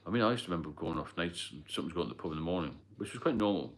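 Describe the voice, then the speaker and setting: Man, very low voice, casual livestream host, rambling, plain-spoken. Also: expressive, rapid-fire. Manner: reads and answers viewer comments as he goes. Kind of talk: casual live-stream chat.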